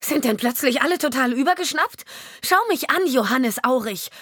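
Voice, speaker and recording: A woman reading an audiobook, voicing a distraught wife who shouts and pleads. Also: high-pitched, lively intonation, moderate pace, dry recording, clean studio sound, pitched above the performer's own voice. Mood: furious. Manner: shouting, then tearful pleading.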